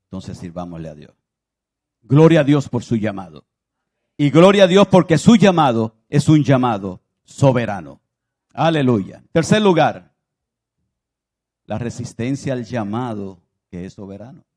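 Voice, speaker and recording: A pastor preaching a sermon, moving from loud exclaiming to soft confiding speech and acting out biblical voices as he tells the stories. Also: mid-range voice, sing-song, unhurried, pauses often. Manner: acts out biblical voices in his telling.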